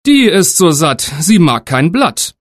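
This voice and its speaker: A man voicing a tailor's eager young son in a storybook reading, bright and cheerful. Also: a little high, very animated, takes it slowly, no echo, clean studio sound, voice pushed up. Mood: reassuring.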